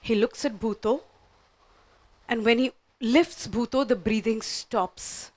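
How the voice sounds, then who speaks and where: A woman tells a story live on a festival stage. Her voice sits a little high, and she jumps between characters with playful, sudden changes. It is a performed storytelling style for a listening audience. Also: takes it slowly.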